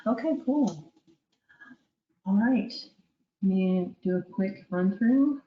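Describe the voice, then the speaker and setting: A woman's voice: mid-range voice, animated, takes it slowly. A woman moderating an online conference session, reading out questions and thanking the speaker in an upbeat way. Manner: upbeat, brief interjections. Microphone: video call. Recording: roomy, dull call audio.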